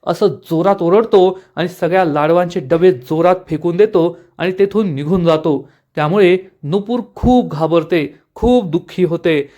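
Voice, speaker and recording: High-voiced male recapper, dramatic storytelling delivery. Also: measured pace, darkish tone. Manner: dramatic retelling, voices quoted lines with raised emphasis. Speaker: episode recap narrator. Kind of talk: serial episode recap storytelling.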